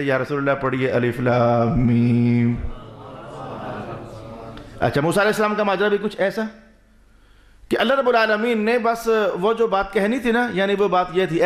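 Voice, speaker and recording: A man's voice: high-pitched, a bit bright. Echoey preacher's voice, man with Pakistani accent. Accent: Pakistani Urdu. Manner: asks rhetorical questions, then answers them; repeats short parallel phrases. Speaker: Islamic preacher. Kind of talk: sermon.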